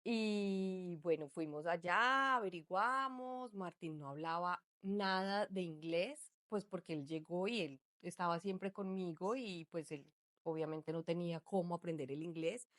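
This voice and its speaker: A woman's voice: lowish voice, unhurried, a bit bright, dry recording, clean studio sound. A woman from Colombia with a Colombian accent, a guest on a podcast, chatting as she tells her story. She pads her talk with lots of fillers. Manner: chatty storytelling, full of fillers like "pues" and "entonces". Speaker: guest, migrant mother. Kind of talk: casual conversational interview.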